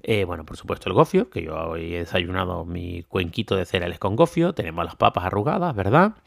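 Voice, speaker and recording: A man's voice: sits low, animated, brisk, creaky, no echo, studio quality. A man from Tenerife with a mixed Canarian and peninsular Spanish accent, hosting a casual solo podcast in a chatty, enthusiastic way with many fillers and tag questions. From Tenerife, Canary Islands. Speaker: podcast host.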